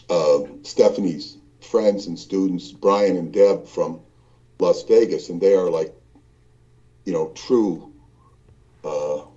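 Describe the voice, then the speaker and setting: Over an internet call, a guest on a trip chats casually from a small hotel's hallway, his low, mellow voice coming through lo-fi, distant and echoey like he's in a cave. He rambles, leaning on lots of fillers and restarts.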